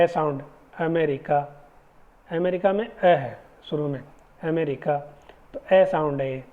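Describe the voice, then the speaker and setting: A teacher giving a phonetics lesson, explaining step by step and repeating each example word slowly. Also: medium pitch. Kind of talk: exam-prep phonetics lesson. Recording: tinny phone-like audio.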